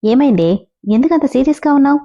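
A woman voicing a sharp, demanding young lawyer who speaks firmly and questions hard. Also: high-pitched, expressive, quick pace, highs cut off, voice pushed up. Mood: stern. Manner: firm, questioning.

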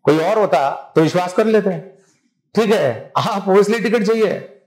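A man's voice: high voice, lively intonation, normal speed, a little mellow, reverberant, poor audio. A man teaching a civil services exam class in a conversational lecture style, often checking that his students follow him.

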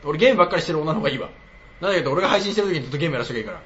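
A man's voice: a little high, expressive, rapid-fire, fairly bright tone, muffled recording, a little hiss or hum. A man streaming live in casual chat, blunt and teasing, often breaking into laughter.

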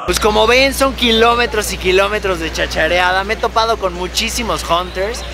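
A man's voice: sits high, normal speed, noisy background. A man in his thirties with a Mexican accent, casually vlogging as he walks an outdoor flea market and banters with vendors. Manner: chatty, slangy, bantering with vendors. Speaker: vlogger and toy collector. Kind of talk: casual walk-through vlog. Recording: loud music behind. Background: market music.

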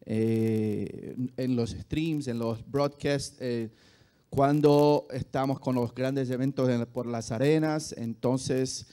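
A man from Brazil with a Brazilian accent, a native Portuguese speaker answering on a panel, haltingly searching for words. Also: mid-range voice, warm tone. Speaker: esports executive, panelist. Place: large auditorium stage, indoors. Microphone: handheld microphone.

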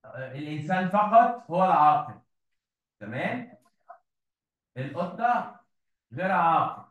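A man's voice: fairly high pitch, big pitch swings, a little slow, dull audio. A man with an Egyptian Arabic accent teaching an English revision lesson to a class, patiently coaxing students and repeating key points. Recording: echoey room, mic at a distance.

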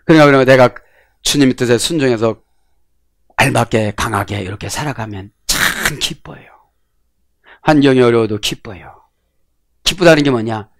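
A male pastor preaching a sermon, swinging between loud exclamations and quiet asides. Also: medium pitch, moderate pace, long pauses, no echo, studio quality.

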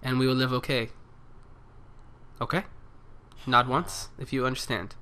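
Slight background noise sits under a man's sharp, medium-pitched voice as he comments unhurriedly on his own game. He keeps it casual and playful, joking around and addressing the animals and monsters directly.

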